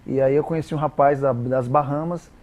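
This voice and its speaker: A Brazilian man with a Brazilian Portuguese accent, a guest explaining English pronunciation in a didactic, halting way with many repeated words. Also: medium pitch, fairly even intonation, lo-fi sound. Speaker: interview guest, English teacher. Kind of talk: explanatory interview talk.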